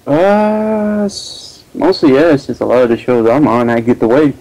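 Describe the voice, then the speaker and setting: A man's voice: medium pitch, normal speed, dark tone, low-quality recording. Man chiming in offhand on a podcast. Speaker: podcast guest.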